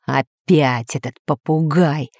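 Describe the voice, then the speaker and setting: Woman playing a grumpy pirate, gruff, growling, low voice, dry sound. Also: slow pace, darkish tone, no room sound. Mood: angry. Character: hot-tempered red-bearded male pirate.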